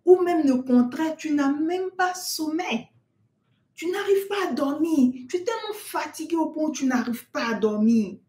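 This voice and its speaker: A parenting vlogger with a high, warm voice and lively intonation gives earnest, direct advice to new mothers, speaking straight to camera at a normal speed. She addresses the listener as "tu" and "maman," and the recording sounds roomy.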